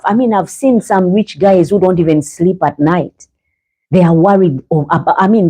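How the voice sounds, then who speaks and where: Hosting a live faith podcast, a woman from Uganda speaks to listeners in Ugandan-accented English, calling them "guys" in a serious, preacherly monologue. Her voice is mid-range and warm, and she uses her own microphone, adjusting it now and then.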